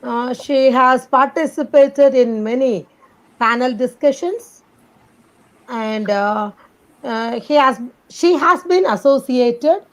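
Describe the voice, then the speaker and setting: A woman's voice: fairly high pitch, poor audio. A woman hosting an online program, reading a guest's bio and giving participants instructions. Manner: reads a prepared bio, then gives instructions. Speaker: program host introducing speaker. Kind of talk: formal introduction and announcements.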